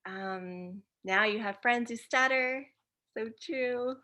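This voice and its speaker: A woman who openly stutters, repeating sounds, moderates a friendly video call and reads out chat messages, upbeat and laughing often. She speaks slowly in a fairly high voice with a sharp tone.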